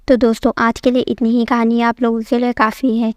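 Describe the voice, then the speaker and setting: A woman telling a story to her viewers in an even, unhurried storytelling narration. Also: on the high side, no echo, clean studio sound.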